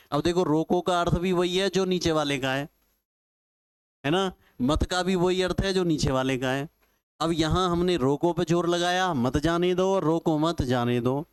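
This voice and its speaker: A male Sanskrit teacher, giving a classroom lecture and dictating notes slowly, repeating each phrase with homely examples. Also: on the high side, clear, resonant tone, no room sound, clean studio sound. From Rajasthan, India. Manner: slow, repetitive dictation with folksy examples.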